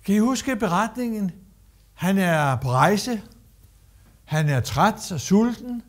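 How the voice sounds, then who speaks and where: Man, guest preacher, sermon, high voice, emphatic, repetitive phrasing. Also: expressive. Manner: emphatic, repeats phrases, acts out Bible quotes.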